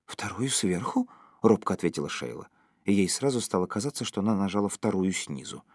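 A man's voice: sits low, animated, fast, darkish tone, no room sound, clean studio sound. A man reading a story aloud as an audiobook narrator, telling it expressively.

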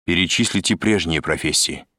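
A man's voice: low-pitched, moderate pace, bright, forceful tone, no echo. A man reading aloud as a stern male interrogator who asks his questions in a curt, dry manner. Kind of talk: audiobook reading.

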